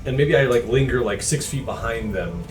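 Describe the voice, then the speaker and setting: A man playing a tabletop game, casually and haltingly describing what his character does. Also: medium pitch, lively intonation, over music. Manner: tentative, halting. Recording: echoey room.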